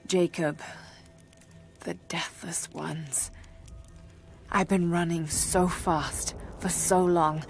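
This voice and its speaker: Young adventurer lady, whispered role-play, lowish hushed voice, catching her breath, music in the back. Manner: breathless inner monologue. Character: determined young woman adventurer exploring ruins.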